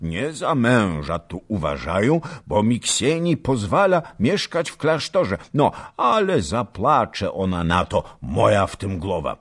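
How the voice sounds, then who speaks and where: A sly, boastful old nobleman, as a man reads him, drawling and chuckling. His voice is deep, husky, and lively in pitch. Storybook reading. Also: unhurried, hardly any pauses, heavily acted. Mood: jovial.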